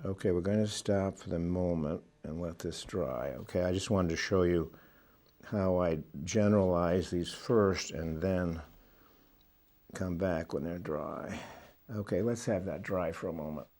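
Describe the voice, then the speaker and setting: A man giving a relaxed watercolour painting demonstration, thinking aloud as he works. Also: sits low, unhurried. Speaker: watercolour instructor.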